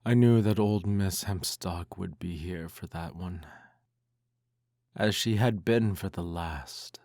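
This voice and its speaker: A man in an ASMR role-play reads a bedtime story aloud in a soft, intimate, hushed voice that slips into speaks softly. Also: low voice, slow, no echo, studio quality.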